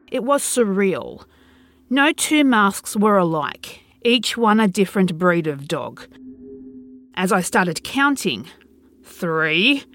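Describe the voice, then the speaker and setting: Animated woman reading a horror story. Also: medium pitch, dry recording. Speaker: narrator. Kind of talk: first-person horror story narration.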